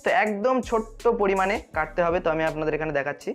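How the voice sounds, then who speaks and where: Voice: medium pitch, rapid-fire, soft background music. A magician host explains a tutorial straight to viewers, often checking that they are following.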